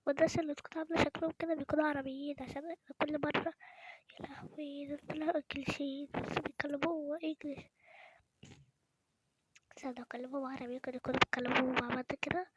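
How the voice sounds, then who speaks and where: A woman with an Egyptian Arabic accent chatting excitedly to viewers as she plays, anxious and often dropping into whispers. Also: sits high, very fast, very noisy. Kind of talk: excited playthrough chat to viewers.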